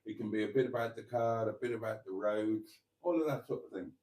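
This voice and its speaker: A little fast, in a low, mellow voice, a British vlogger in his fifties chats casually on a live stream. He rambles with frequent ums and restarts, is self-deprecating, and calls his viewers darlings.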